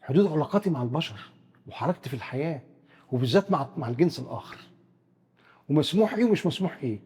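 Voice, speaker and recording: An Egyptian man explains psychology at a rapid clip, stumbling into quick restarts as he goes. His voice sits a bit high but sounds dark and husky. The room adds a long trailing reverb. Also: animated. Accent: Egyptian Arabic. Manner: rapid, explains with first-person examples, frequent stammered restarts. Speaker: psychiatrist guest expert. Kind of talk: explanatory discussion.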